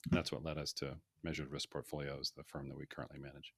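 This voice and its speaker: A man from Saudi Arabia speaks as a podcast guest with a very low voice. He lays out his thoughts in a structured way with pauses and fillers, and his voice sounds dry and close to the mic. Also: level tone, vocal fry, husky, dry recording. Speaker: guest, portfolio manager. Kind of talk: casual interview.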